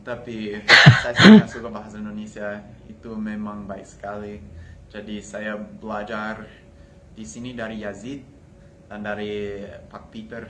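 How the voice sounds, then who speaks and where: A man's voice: lowish voice, flat delivery, a little slow, a little hiss or hum. A young American man, a native English speaker, speaking Indonesian as a foreigner with some Malay words mixed in, casually introducing himself to camera. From United States. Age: young adult. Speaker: university language student.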